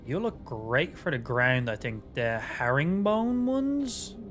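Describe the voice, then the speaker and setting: Lively man streamer, slightly impeded casual speech. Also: medium pitch, takes it slowly. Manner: casual, sweary, easygoing. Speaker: game livestreamer. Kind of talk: casual livestream chat and game commentary. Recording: music behind the voice. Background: music.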